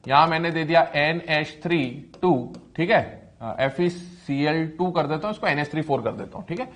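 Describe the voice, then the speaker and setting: A male teacher giving a chemistry lecture, asking questions and answering them himself, repeating key terms and calling his students "beta". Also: fairly high pitch. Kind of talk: classroom lecture.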